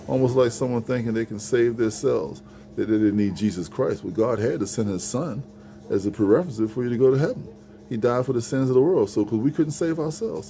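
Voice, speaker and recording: A middle-aged man preaches an informal, earnest sermon on prayer, speaking into a phone camera held at arm's length in a small shelved room. His voice is mellow and medium-pitched, and his preaching is conversational and repetitive.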